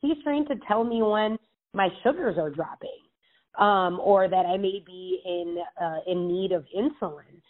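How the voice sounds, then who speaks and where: A woman's voice: medium pitch, unhurried. Rambling woman on a tinny phone line. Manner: earnest, rambling with many restarts. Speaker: state legislator, interview guest. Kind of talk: casual interview answers. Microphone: phone call.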